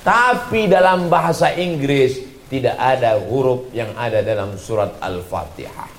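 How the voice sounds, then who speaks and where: A man giving an animated religious lecture as a preacher, breaking into slow chanted recitations. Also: medium pitch, reverberant, a little hiss or hum. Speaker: Islamic preacher.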